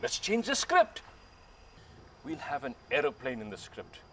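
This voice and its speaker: A man's voice: mid-range voice, huge pitch swings, unhurried, pushed and bright, husky, full character voice. An actor playing a jovial man who keeps joking and teasing. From South Africa. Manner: joking, teasing, laughs often. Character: jovial South African Indian man, joking fixer.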